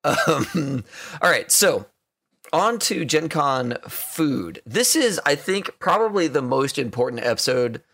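A man's voice: fairly high pitch, very animated, measured pace, fairly bright tone. American guy hosting a podcast, laid back chatter, lots of laughing. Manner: easygoing, chatty, laughs often. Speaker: podcast host. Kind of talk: casual podcast chat.

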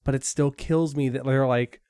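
A young man co-hosting a casual podcast chat, telling animated stories and acting out quotes. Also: medium pitch, normal speed, clear, resonant tone, no room sound, studio quality. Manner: animated storyteller who acts out quotes. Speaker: podcast co-host.

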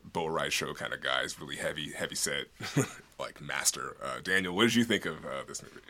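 A man's voice: very deep voice, brisk, bright, forceful tone. A man co-hosting a podcast, discussing film in a casual, rambling way full of "like". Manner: rambling, peppered with "like". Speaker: podcast co-host.

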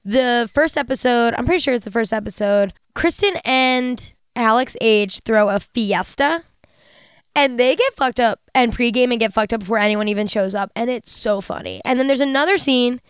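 A woman's voice: on the high side, normal speed, clean tone, no echo, clean studio sound. A woman in her thirties co-hosting a podcast, chatting casually and gushing, with plenty of swearing. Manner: gushing, profane, chatty storytelling. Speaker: podcast co-host. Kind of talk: casual chat.

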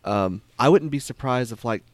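A man's voice: mid-range voice, lively intonation, normal speed, no room sound. A man musing about movie theories in a casual chat, thoughtful and hedging.

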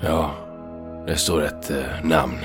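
A man's voice: extremely low pitch, steady tone, over music. An actor playing a brash, foul-mouthed male hero in a video game, boastful, profane and given to talking to himself. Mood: low, tender.

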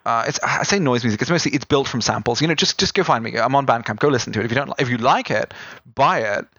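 Podcast guest rambling and joking, creaky voice, mid pitch, super dry recording. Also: quick pace, fairly bright tone, no echo, lo-fi sound. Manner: rambling, jokey, self-mocking. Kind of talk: casual chat.

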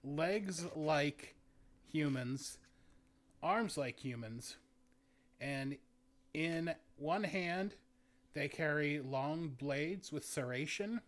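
Slow, halting game master man. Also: a little high. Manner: halting, searching descriptions. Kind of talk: narrating a tabletop game.

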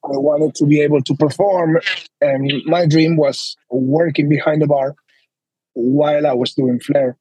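A man's voice: on the high side, steady tone, measured pace, dark tone, slight background noise, rough recording. A man with an Argentine accent, a guest telling his story in a casual interview, earnest and rambling. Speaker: guest, flair bartender.

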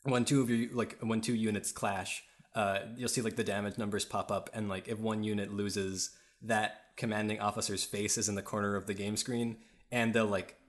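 A fairly low-voiced man talking casually as a podcast co-host. He rambles through his points with many fillers and keeps breaking into laughs, speaking into a podcast microphone. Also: flat delivery, moderate pace. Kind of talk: casual chat. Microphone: podcast mic.

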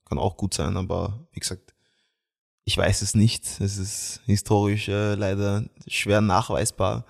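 A young man tells a family story in an interview, with a low-pitched voice. He talks casually, stumbles over restarts and fillers, and laughs easily. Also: level tone, creaky. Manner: chatty, halting with many fillers and restarts, laughs often. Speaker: guest.

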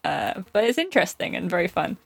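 A woman's voice: fairly low pitch, very animated, quick pace, gravelly, slightly rough. A woman co-hosting a podcast, chatting casually about a film with frequent fillers and easy laughter. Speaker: podcast co-host.

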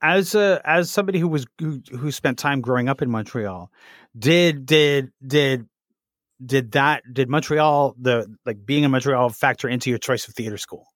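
A host interviewing a guest in a casual chat, animated and often restarting sentences. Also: medium pitch, moderate pace, no room sound, studio quality.

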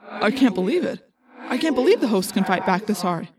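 A woman's voice: medium pitch, expressive, a little fast, recorded from a distance, noisy background, natural voice. A woman voicing a worried teenage boy asking anxious questions in an audiobook. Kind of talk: audiobook character voice.

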